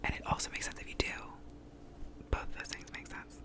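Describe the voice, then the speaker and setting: A woman whispers an ASMR pep talk right up close to the microphone. She offers validating affirmations in an informal, reassuring way, with some casual swearing. The whole delivery stays in a whisper. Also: a little fast. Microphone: close to the mouth.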